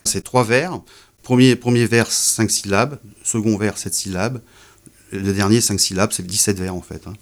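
A man's voice: fairly low pitch, fairly even intonation, normal speed. A middle-aged man, a poet interviewed about his work, who talks hesitantly with many fillers and repeated words. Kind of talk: casual interview talk.

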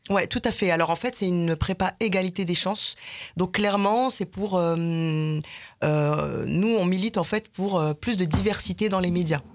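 A woman's voice: fairly low pitch, normal speed. A woman from France, an interview guest explaining her association, talking with many hesitations and fillers. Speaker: association representative.

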